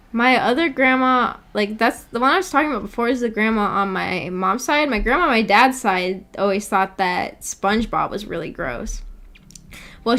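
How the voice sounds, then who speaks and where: A woman hosts a livestream, chatting casually and reading viewer comments aloud in a giggly, talkative manner. Her voice is medium-pitched and a bit bright.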